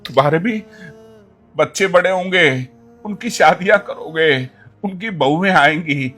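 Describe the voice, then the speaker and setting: A man playing a stern, hurt elderly father-in-law in a family drama, speaking slowly and gravely, then breaking into angry shouts. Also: high-pitched, full character voice. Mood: reproachful. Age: older. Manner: slow, grave pleading that erupts into shouting.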